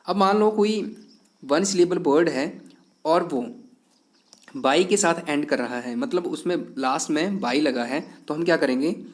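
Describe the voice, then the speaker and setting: A man teaching an online English lesson, explaining step by step in an earnest, patient way and often checking that it is clear. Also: on the high side, unhurried.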